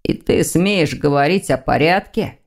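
A proud young male demon with a sullen, snapping way of talking, as a woman reads him aloud. The voice sits lower than her narration and has a dark, mellow tone. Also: measured pace, creaky.

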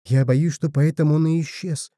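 A serious, troubled young folk man, voiced by a male reader. He speaks tensely and earnestly in a very dark, mellow timbre, slightly above the reader's usual pitch, recorded dry and close. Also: fairly even intonation, normal speed, no room sound, natural voice.

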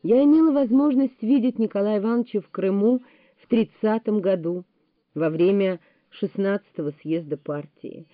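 A woman giving a measured, deliberate audiobook narration of a memoir. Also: mid-range voice, no echo. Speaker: audiobook reader. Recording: tinny phone-like, dry sound.

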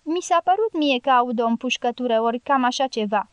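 A woman's voice: high-pitched, expressive, smooth, no echo. A woman reading an audiobook voices a cheerful, fawning male guerrilla hunter who exclaims and wheedles. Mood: excited.

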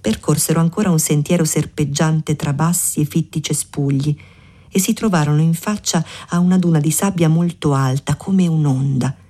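A woman narrating a literary audiobook in a measured, even storytelling manner. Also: deep voice.

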